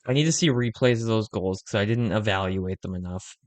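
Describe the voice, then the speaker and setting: A young man hosting a fan watch-along stream, giving casual play-by-play and chat with quick excited reactions. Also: on the low side, dry recording. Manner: conversational, reacts excitedly to plays, uses fillers like "like".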